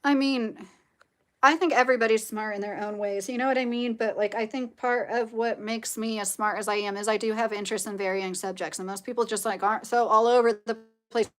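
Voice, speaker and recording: A livestream host from Kentucky, United States, reads viewer comments in a casual chat, rambling and opinionated with lots of "like" and "you know." She has a nasal voice, fairly high in pitch, with fairly even intonation and a fairly quick delivery.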